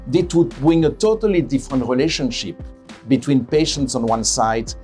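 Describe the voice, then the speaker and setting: A middle-aged man from Belgium, a head of radiation oncology giving a measured interview, often correcting himself and stressing key words. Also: mid-range voice, a little mellow, soft background music. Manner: measured, self-correcting, emphatic. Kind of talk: interview testimonial.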